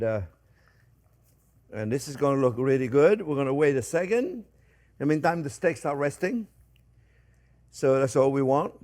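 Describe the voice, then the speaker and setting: An older man hosting a cooking show, chatting casually and animatedly to viewers as friends and often repeating short phrases as he demonstrates. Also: mid-range voice. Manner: addresses viewers warmly as friends.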